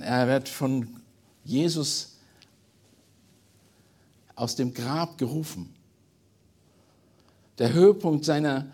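A man reads a Bible passage aloud and then preaches on it earnestly, making small slips and restarts along the way. His voice is medium-pitched, darkish, and husky.

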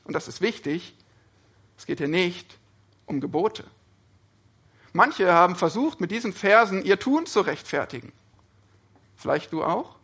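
A man's voice: sits high, sharp tone, husky. A man preaching a sermon, speaking earnestly and often putting questions to his listeners.

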